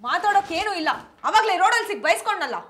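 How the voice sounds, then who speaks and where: An actress playing a young estranged wife who argues back and then pleads in fear. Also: female voice, very high voice, expressive, very fast. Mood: defiant. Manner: pleading, defiant. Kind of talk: short film acting. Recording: loud film score behind voice.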